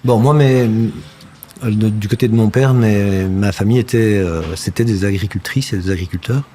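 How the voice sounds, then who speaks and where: Speaking at a moderate pace in a mellow, lowish voice, a Belgian actor and puppeteer talks as a guest in a casual interview. He's in his fifties, from near Brussels, with a slight Flemish-tinged French accent, and there's slight background noise. His manner is reflective, full of hesitations and restarted sentences.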